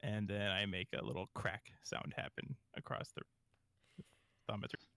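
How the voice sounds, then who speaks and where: A young man speaking calmly and gently as a player in a tabletop game. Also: lowish voice, moderate pace, gravelly, clear, resonant tone, no echo.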